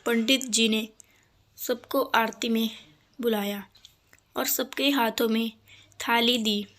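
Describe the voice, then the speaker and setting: Slow, deliberate woman storyteller. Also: fairly high pitch, fairly even intonation, fairly bright tone. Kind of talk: scripted story narration.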